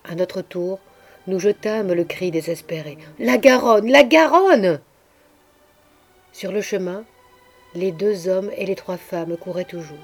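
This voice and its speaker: Woman reading a literary audiobook. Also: on the low side. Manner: measured, expressive storytelling. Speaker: narrator. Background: faint background music.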